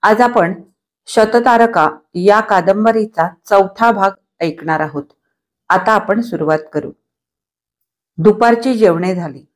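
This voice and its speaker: A woman storyteller narrating a novel aloud in a steady, clear reading style. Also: mid-range voice, slow pace.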